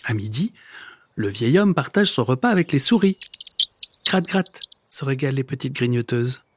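A man narrating a children's story in a lively, expressive reading with playful sound words. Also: mid-range voice, a little fast. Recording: background noise.

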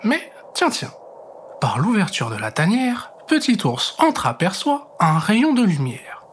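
A man reading a children's bedtime story aloud, expressive and gentle, dropping to soft whispers for suspense. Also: sits high, a little slow.

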